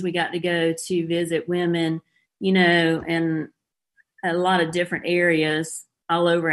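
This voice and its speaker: A middle-aged woman with a Southern US accent, a former police officer telling her story plainly as a guest in an interview. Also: on the low side.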